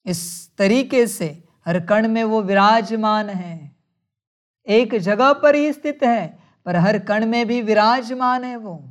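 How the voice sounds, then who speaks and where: A woman giving a spiritual sermon, speaking in a measured way, calling her listeners children and asking rhetorical questions. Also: on the high side. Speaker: spiritual teacher.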